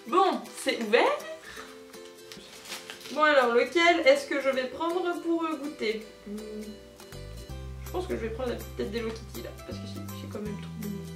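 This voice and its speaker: Bubbly high-voiced young woman. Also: expressive, moderate pace, pauses often, fairly bright tone. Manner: bubbly, gushing, self-mocking, with many fillers. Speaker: unboxing video host. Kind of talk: casual unboxing chat. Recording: roomy, distant, with music behind.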